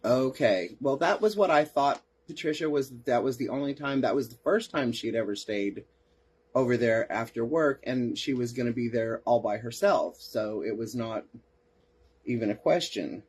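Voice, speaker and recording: Husky-voiced podcast guy reading case reports, dry sarcastic comments in between. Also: mid-range voice, lively intonation, normal speed, darkish tone. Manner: sarcastic asides, answers chat comments. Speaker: podcast host.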